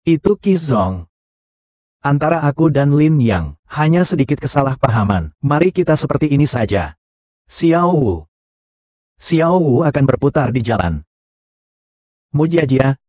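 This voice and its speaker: A man delivering every part of a dubbed drama in one flat, even voice that barely shifts from role to role. The tone is mellow and warm, and the close studio take is dry, with no room around it. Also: medium pitch, dry recording, close to an everyday voice. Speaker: dub voice for all roles. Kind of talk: dubbed short drama dialogue.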